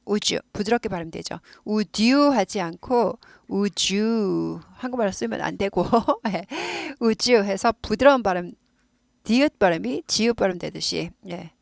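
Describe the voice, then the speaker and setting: Woman teacher, chatty lesson, slightly gravelly voice, dry close sound, repeats words for pronunciation. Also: mid-range voice, no echo. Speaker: English teacher. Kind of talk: casual explanatory lesson.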